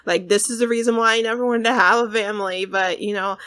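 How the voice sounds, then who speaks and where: A woman's voice: medium pitch, fairly even intonation, fast, fairly bright tone, close to an everyday voice. A woman speaks for a young man worried about his first child. He sounds nervous and reluctant, and he keeps it casual. It is a simple game character voice from a life-sim play session. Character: stressed young man, expecting first baby.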